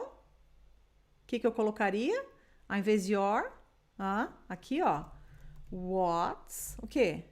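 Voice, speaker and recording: A Brazilian woman gives an English lesson in Portuguese, pointing to tables and drilling words slowly for the listener to repeat. She has a higher voice and speaks at an unhurried pace. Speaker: English teacher. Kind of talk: online language lesson.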